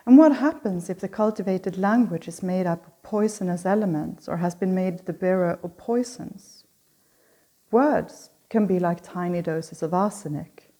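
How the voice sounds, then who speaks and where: Opening her lecture series, a middle-aged woman from Sweden delivers a prepared talk with a fairly low, warm voice. She reads it in a measured, reflective manner.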